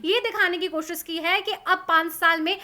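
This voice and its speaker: A woman's voice: very high-pitched, fairly even intonation, normal speed, crowd noise. A woman news anchor joining a studio panel discussion in a conversational, agreeing way.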